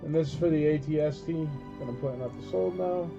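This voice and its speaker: Higher-voiced man as a casual live auctioneer. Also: fairly quick, gravelly, lo-fi sound, over loud music. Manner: informal auctioneer patter with emphatic calls. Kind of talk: auctioneer running a casual live collectibles sale.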